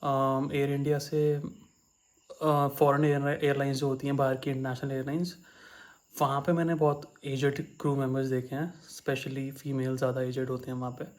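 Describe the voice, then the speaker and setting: A man's voice: mid-range voice, little pitch movement, normal speed. A young man speaking with an Indian accent gives casual advice on cabin crew interviews, mixing Hindi and English with many fillers. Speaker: former cabin crew giving interview tips.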